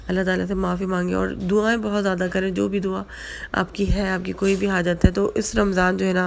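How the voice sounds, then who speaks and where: A woman talks to her viewers in a casual religious advice vlog, her voice hoarse from a flu and sore throat. Her tone is gravelly and stays fairly level in pitch. She chats loosely, circling back with repeated fillers. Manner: chatty, repeats fillers, mixes in English words. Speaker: vlogger.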